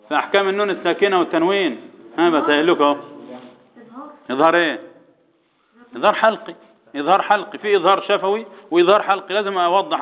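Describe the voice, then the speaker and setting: A man with an Egyptian accent teaching Quran recitation to boys, quizzing them and chanting verses slowly for them to repeat. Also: sits high, muffled recording. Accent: Egyptian Arabic. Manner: drills students with questions, chants verses slowly. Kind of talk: tajweed lesson to boys.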